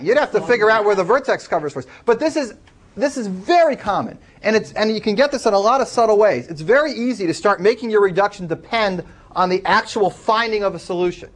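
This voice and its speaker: A man's voice: high-pitched, a bit bright. A man lecturing a class, explaining step by step and taking student questions.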